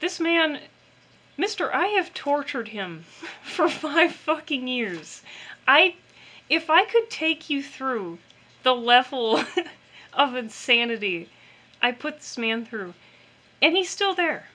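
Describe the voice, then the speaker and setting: A woman with a fairly high, bright voice talks frankly in a casual podcast conversation. She is chatty and supportive. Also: animated, takes it slowly. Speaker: podcast co-host. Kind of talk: casual chat.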